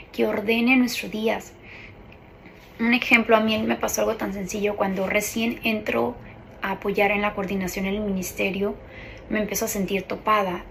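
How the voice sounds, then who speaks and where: Earnest woman with vocal fry. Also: medium pitch, fairly even intonation, moderate pace, slight background noise, poor audio. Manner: earnest, personal, confiding. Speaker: ministry coordinator. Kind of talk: faith testimony talk.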